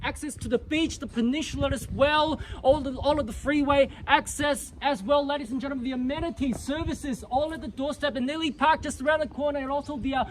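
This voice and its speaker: Male real estate auctioneer, extremely high voice, showy rallying patter and repeated bid calls. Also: fairly quick, hardly any pauses, slight background noise, rough recording. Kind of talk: live auction calling, repeating bid amounts. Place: live property auction before a crowd.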